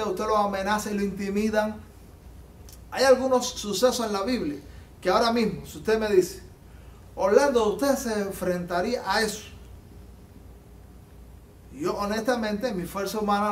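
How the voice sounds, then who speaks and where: A man preaching a sermon as pastor, fervent and emphatic, swinging between loud peaks and quiet low passages, recorded in a church. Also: normal speed, pauses often, recorded from a distance. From Latin America. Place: church sanctuary. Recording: echoey church hall, off-mic.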